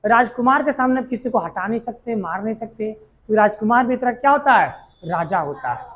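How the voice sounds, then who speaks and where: A man's voice: sits high, lively intonation, a little fast, a bit bright, highs cut off. A male teacher, telling a history lesson as a story in earthy colloquial talk and quizzing his students as he goes. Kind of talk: exam coaching lecture told as a story.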